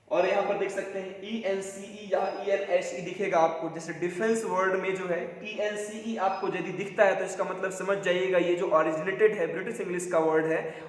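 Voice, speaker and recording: High-voiced man teaching in an echoey room. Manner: switches between Hindi explanation and slow, deliberate English example sentences. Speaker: English teacher. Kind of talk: classroom-style lesson explanation. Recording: roomy echo with long reverb.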